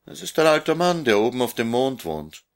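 A man voicing a kind, caring old woman in a storybook reading, speaking gently. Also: medium pitch, very animated, brisk, gravelly, pitched above the performer's own voice. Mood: kindly.

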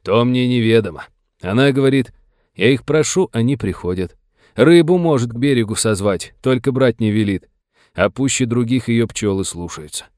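A man voicing a gruff older Russian settler with a folksy, blunt, scolding manner. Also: medium pitch, lively intonation, normal speed, a little mellow, no echo, clean studio sound, close to an everyday voice. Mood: earnest.

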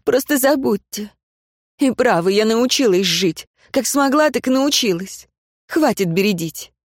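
A woman's voice: on the high side, animated, unhurried, no echo, clean studio sound. A woman voicing a proud noblewoman teacher who speaks in a clipped, defensive way. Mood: anguished.

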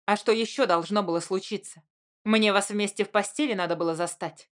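A woman's voice: medium pitch, fairly quick, natural voice. A woman voicing Zhenya, a blunt, angry adult man who argues defensively.

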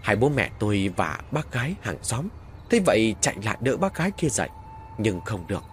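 Man narrating a horror story with lively pitch. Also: brisk, slight background noise. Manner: dramatic storytelling.

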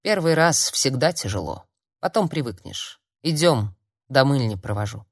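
A narrator voicing a gruff curt mentor. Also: medium pitch, animated, normal speed, no room sound, clean studio sound. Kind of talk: audiobook character voice.

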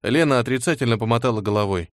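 A man giving scripted audiobook narration in an even storytelling manner. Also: mid-range voice, quick pace, no room sound, studio quality.

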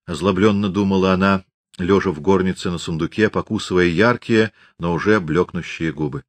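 A man narrating an audiobook in a measured, expressive reading. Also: low voice, no echo.

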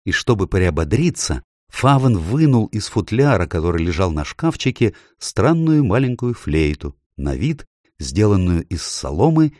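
A man reading a children's storybook aloud with an expressive, lilting delivery. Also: lowish voice, no room sound, studio quality. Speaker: audiobook narrator. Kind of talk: storybook narration.

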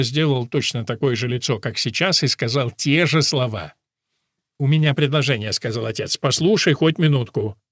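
A man's voice: a little high, dry recording. Male audiobook narrator, dry studio sound. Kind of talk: scripted narration.

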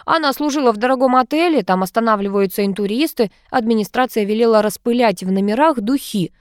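A woman's voice: a little high, quick pace, clean tone, no room sound, studio quality, voice pushed up, lightly acted. A woman voicing a flustered, blunt housekeeper who mumbles and speaks crudely, read as part of an audiobook. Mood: indignant. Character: flustered, rude middle-aged housekeeper.

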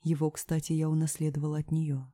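A woman reads a first-person story aloud in a low, mellow voice, recorded close and dry. Her delivery is emotional, sinking into hushed whispers and rising into anguished cries. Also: monotone, quick pace, no room sound. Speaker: audiobook narrator. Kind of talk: first-person dramatic audiobook reading.

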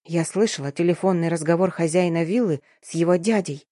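A young woman friend, half frightened and half teasing, who keeps her voice low and conspiratorial, as a female reader puts her on. Her whispering is soft and secretive, with a sly playful edge. The sound is close and dry, with no room around it. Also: fairly quick, no room sound, lightly acted. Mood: worried whisper.

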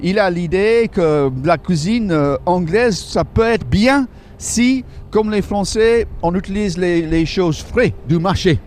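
Man with a dark voice, guiding a tour. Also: sits high, slight background noise. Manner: halting, searches for French words, many fillers. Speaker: local tour guide. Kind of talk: guided walking tour, explaining sights. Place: outdoors in a city street.

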